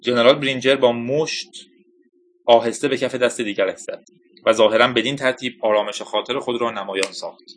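A man narrating a thriller audiobook with even, dramatic storytelling. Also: mid-range voice, slight background noise. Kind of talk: scripted narration.

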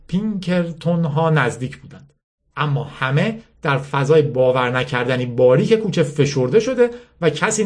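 A male narrator reads a gritty novel aloud at an even, measured pace. His voice sits in a middle pitch range, neither high nor low. He keeps the storytelling steady through tense action. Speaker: audiobook narrator.

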